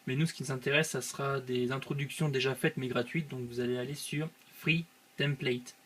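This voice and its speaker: A young man talks through a screen-recorded tutorial in a mid-range voice, hesitating often and filling gaps with drawn-out filler sounds. He speaks into a desk mic by his computer, and a faint hiss sits under his voice. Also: mid-range voice, fairly even intonation, fairly bright tone. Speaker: channel host.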